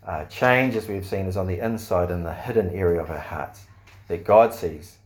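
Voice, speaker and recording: A man preaching a sermon in an earnest way, asking the listeners questions and often pausing on fillers. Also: low voice. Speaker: pastor.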